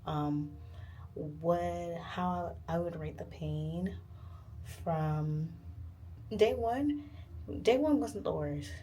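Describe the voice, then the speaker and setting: A woman's voice: lowish voice, extremely slow, long pauses, warm tone, a little hiss or hum. A woman chatting casually to camera as a vlogger, candid, informal and slangy.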